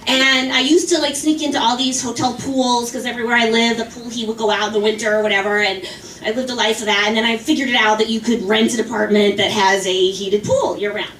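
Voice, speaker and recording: A high-pitched woman does a stand-up set, rambling through a story with growing exasperation. She is heard from across an echoey room, a little away from the mic, with faint background ambience. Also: fairly even intonation, fairly quick, fairly bright tone, distant mic, a little hiss or hum. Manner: chatty, rambling, exasperated storytelling with quoted voices. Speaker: stand-up comedian. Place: small club or class showcase stage.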